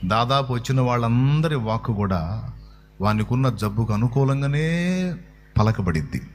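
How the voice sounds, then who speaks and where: A man's voice: medium pitch, animated, moderate pace, a little hiss or hum. A man preaching a colloquial sermon, talking conversationally and putting questions to his listeners.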